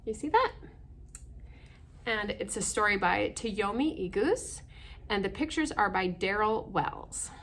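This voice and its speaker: This woman leads a children's story time, reading and gently explaining in simple language while frequently questioning her young audience. She speaks at a medium pitch, expressively and at a measured pace, with long pauses.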